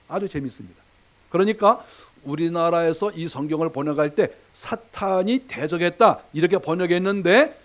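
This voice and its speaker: A man preaching a sermon as pastor, animated, acting out quoted voices and swinging between loud and quiet. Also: on the high side. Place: church sanctuary.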